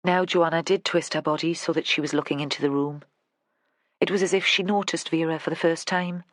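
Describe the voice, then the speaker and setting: Brief: even, unhurried crime-novel narrator, close mic, dead-dry sound. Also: medium pitch, no room sound. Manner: steady, even storytelling. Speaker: audiobook narrator. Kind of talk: scripted narration.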